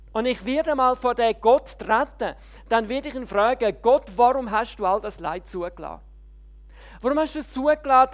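A woman shouting as an angry heckler on a soapbox. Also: on the high side. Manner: shouting, lamenting.

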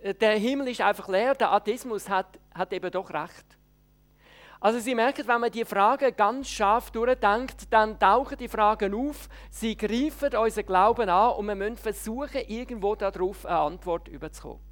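A woman's voice: mid-range voice, moderate pace. A woman preacher, giving an earnest, emphatic sermon.

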